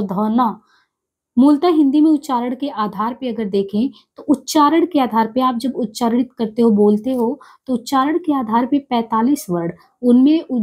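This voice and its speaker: Husky woman teaching grammar step by step. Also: fairly high pitch, mellow. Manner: explains step by step, repeating sounds and letters slowly. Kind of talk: exam-prep lesson.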